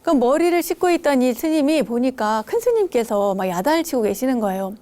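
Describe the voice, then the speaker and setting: A woman's voice: high voice, sing-song, brisk. A middle-aged woman, a Buddhist nun hosting the program, telling stories from temple life in a dharma talk, sometimes acting out the scolding voices of the people in them. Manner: warm storytelling, acts out quoted scolding.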